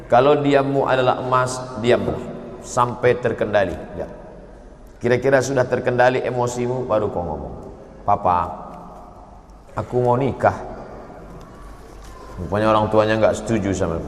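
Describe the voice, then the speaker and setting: Preaching man in an echoing hall. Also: medium pitch. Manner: rhetorical questions, acts out dialogue, chants Arabic verses. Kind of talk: sermon with audience questions. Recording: roomy hall reverb.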